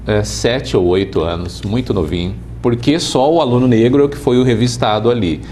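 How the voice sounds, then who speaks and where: A man in his forties from Brazil, a guest in an interview, telling his life story calmly and earnestly. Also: medium pitch, normal speed, a little hiss or hum. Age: 40s. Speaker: interview guest, city councilman.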